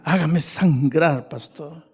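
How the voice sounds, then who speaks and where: A man's voice: on the high side, slow, a little mellow, breathy edge. A man voicing a tearful drunken man begging his pastor. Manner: pleading, slurred and tearful. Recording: long church-hall reverb.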